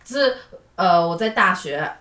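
A woman's voice: lowish voice, lively intonation, a little slow, bright, forceful tone, echoey room. A woman from Taiwan with a Taiwanese Mandarin accent, telling her own stories animatedly as a podcast co-host, laughing often at herself. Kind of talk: casual chat, storytelling.

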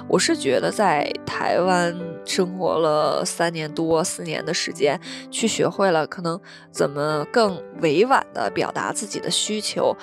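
Chatty young woman from Beijing telling stories. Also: fairly low pitch. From Beijing, China. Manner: chatty, acts out quoted voices. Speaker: podcast host. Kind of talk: solo storytelling podcast.

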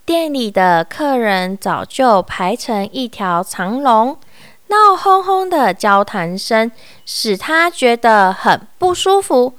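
A woman reading a children's story aloud in an expressive, sing-song way. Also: on the high side, takes it slowly, no room sound.

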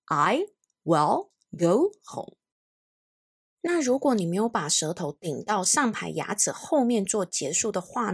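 A young woman hosting a podcast pronunciation lesson, patiently modeling English phrases slowly for listeners to repeat. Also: on the low side, slightly rough. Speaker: English teacher and podcast host.

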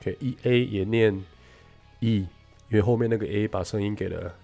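A man's voice: lowish voice, normal speed, gravelly, mellow, soft background music. A man teaching English phonics in Mandarin with a Taiwanese accent, explaining rules through a little story and mixing English words into his speech. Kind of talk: casual spoken English lesson.

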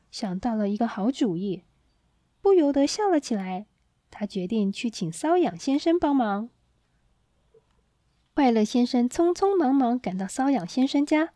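A woman storyteller reading a children's story aloud in a gentle, expressive way, on a close mic. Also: fairly high pitch, no room sound.

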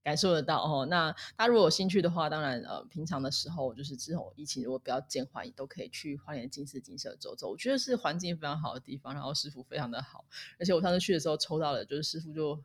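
A woman hosting a podcast interview, chatty and quick to laugh. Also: low voice. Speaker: podcast host.

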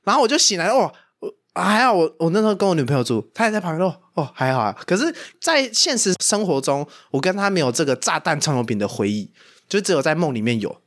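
Animated, fast-talking young man. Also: on the high side. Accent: Taiwanese Mandarin. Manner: animated storyteller, laughs a lot. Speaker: podcast host. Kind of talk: casual chat.

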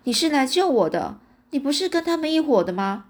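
A woman's voice: high-pitched, very animated, brisk, pitched above the performer's own voice. Woman voicing an anxious young girl. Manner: worried, urgent.

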